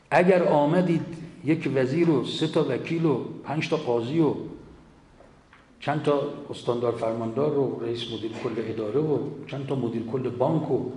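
Forceful man preaching in an echoey hall. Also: medium pitch. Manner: forceful, rhetorical questioning. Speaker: cleric. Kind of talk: sermon. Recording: echoey hall with faint ambience.

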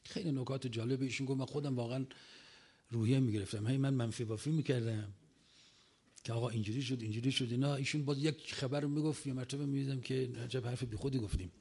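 A man's voice: medium pitch, fairly even intonation, darkish tone, husky. Man animatedly retelling a long conversation. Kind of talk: recounting a conversation to an audience.

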